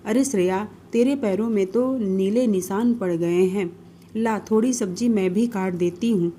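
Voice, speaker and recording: A woman voicing a kind, caring young sister-in-law who comforts gently in a cartoon story. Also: mid-range voice, a little slow, a little hiss or hum, lightly acted. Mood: comforting.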